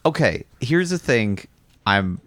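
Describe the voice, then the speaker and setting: A man's voice: medium pitch, sing-song, slow pace, a bit bright, dry recording. A man co-hosting a casual chat, rambling and self-deprecating with frequent restarts. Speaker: podcast co-host.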